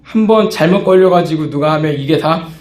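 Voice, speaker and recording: A man's voice: a little high, brisk, a little mellow, echoey room. A man preaching a sermon as pastor, talking conversationally and acting out small scenes. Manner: conversational preaching, acts out quoted outbursts.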